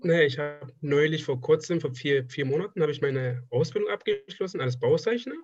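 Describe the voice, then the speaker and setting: In a casual interview, a trained draftsman from Afghanistan, in his twenties and a native Persian (Dari) speaker, keeps stopping to restart his sentences. His voice sits a little high with some huskiness, recorded dry with dull audio.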